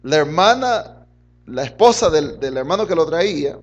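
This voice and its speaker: A middle-aged man preaching a fervent sermon as pastor, his voice swinging between loud and soft as he keeps addressing the congregation as brother. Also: fairly high pitch, animated, normal speed, highs cut off.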